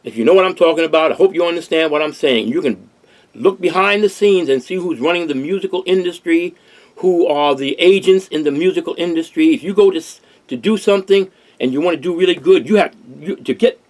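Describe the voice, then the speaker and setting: A man's voice: on the high side, a little fast, a little mellow. An older man, hosting a casual discussion in an earnest, rambling way with many restarts. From Harlem, New York. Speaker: host.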